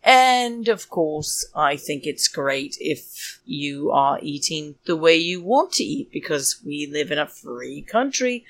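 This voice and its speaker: A woman with a low-pitched voice hosts a chatty solo podcast, recorded very dry and close. She speaks slowly and theatrically, drawing out her phrases. She addresses listeners as darlings and drifts into digressions. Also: very animated, no echo. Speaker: podcast host.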